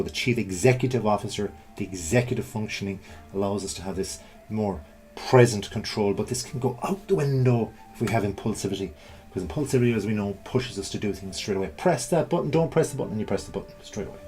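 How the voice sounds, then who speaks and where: A man's voice: fairly low pitch, darkish tone. A middle-aged man presenting an informal explanatory talk, conversational, often checking in with the listener. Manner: conversational, rhetorical check-ins.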